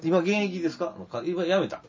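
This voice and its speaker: A man with a Kansai accent hosting a radio talk show, jokey, with quick interjections. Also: fairly high pitch, sing-song, slightly rough. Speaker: radio host. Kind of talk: casual radio chat. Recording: dull lo-fi radio recording.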